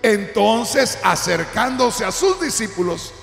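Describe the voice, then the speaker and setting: High animated gravelly man preaching. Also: slow pace, roomy sound, in a large hall, soft background music. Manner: animated preaching, shouting at peaks, addressing the congregation directly. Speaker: pastor. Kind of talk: sermon.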